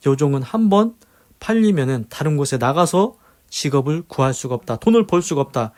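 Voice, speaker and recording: A man's voice: fairly high pitch, a little mellow. A man giving a devotional Bible commentary, earnest and emphatic, moving between teaching and spoken prayer and repeating his key phrases. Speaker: preacher leading a daily devotional.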